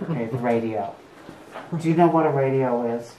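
Low-voiced, folksy woman guiding a tour. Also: normal speed, crowd noise. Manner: folksy, joking. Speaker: cave tour guide. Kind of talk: informal guided tour talk to a group. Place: inside a cave among a tour group. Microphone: visitor's camera at some distance. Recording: noisy on-location camera audio.

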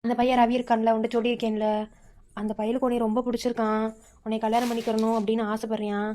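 A woman's voice: on the high side, level tone, very fast, mellow, lightly acted. A woman voicing a bossy elder sister in a cartoon, persuading insistently with a Madurai accent. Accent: Madurai Tamil.

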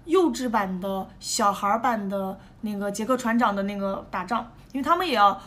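A young woman, chatting alone and telling a lively, animated story. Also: medium pitch, normal speed. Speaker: idol group member. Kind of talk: casual solo chat.

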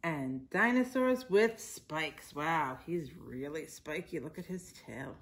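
Her voice sits low, animated yet slow, as this woman in her forties reads a picture book to young children indoors in her living room. She reads like a teacher at storytime, with simple phrases, emphasized words and asides aimed at the kids.

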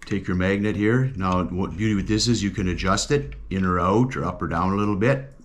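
With the camera looking down on his hands at an indoor workbench, a middle-aged man who runs an outdoors channel talks through a hands-on build in a relaxed, no-nonsense way. His voice is very low, he fills pauses with an occasional "uh," and there's a faint hiss or hum in the audio.

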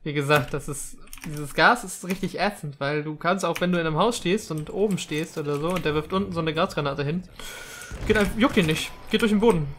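A man's voice: on the high side, fairly quick, a bit bright, slight background noise. A young man gives chatty, slangy let's-play commentary, rambling casually with English gamer words mixed in. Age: young adult. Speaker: gaming video host.

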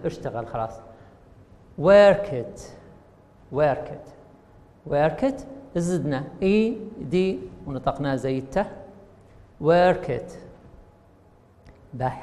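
A man with a Libyan Arabic accent teaches an English lesson, laying out each rule step by step and repeating it in both languages. His voice sits a little high. The recording carries a long reverb, as if he speaks in a large hall. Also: a little mellow. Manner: explains step by step, switching between Arabic and English. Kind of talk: classroom lesson explaining grammar.

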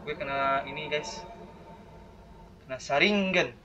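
A man's voice: on the high side, unhurried. Chatty young man. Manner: chatty, talks to viewers, sudden startled exclamations. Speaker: gaming channel host. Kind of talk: horror game let's play commentary. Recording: dull lo-fi audio with faint hiss.

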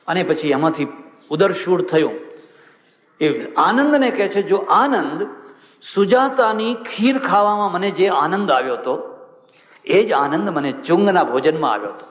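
A man, a swami giving a sermon, telling stories with passion and firing off rhetorical questions. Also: fairly high pitch. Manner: impassioned storytelling with rhetorical questions. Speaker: swami giving a religious discourse. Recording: dull, echoey hall recording.

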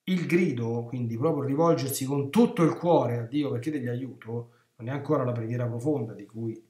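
Animated priest preaching in a roomy space. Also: male voice, medium pitch, brisk. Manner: animated, emphatic, with rhetorical questions to the listeners. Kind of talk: retreat sermon. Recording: roomy echo.

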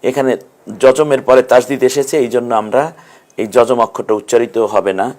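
A man's voice: mid-range voice, fairly even intonation, fairly quick, darkish tone. Patient male Quran recitation teacher. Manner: patient explaining, breaks into chanted recitation of verses. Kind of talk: online tajweed lesson.

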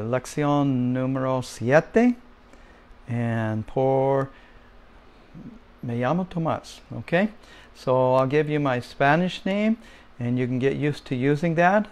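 A man giving a casual home-made Spanish lesson, slow and patient, with many fillers, repeating words for listeners to say along. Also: medium pitch, clear, resonant tone. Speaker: Spanish teacher.

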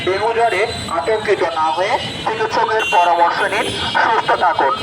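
A man's voice: high-pitched, moderate pace, rough recording. A man with a Bangladeshi accent reads out a public service announcement to residents as a volunteer, speaking through a megaphone.

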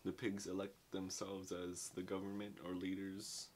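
Young male book reviewer, deep voice, slangy and rambling, casual at-home delivery. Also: completely flat delivery, moderate pace, a little mellow, slight background noise. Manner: rambling, slangy, filler-heavy with lots of "like". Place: small dim bedroom at home.

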